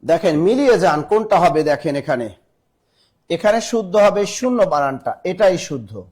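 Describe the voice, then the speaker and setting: A male teacher with a Bangladeshi Bengali accent runs a live online spelling class in a high-pitched voice. He spells words out letter by letter and keeps pressing his students to answer quickly. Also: big pitch swings, darkish tone. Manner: brisk, urging students to answer fast.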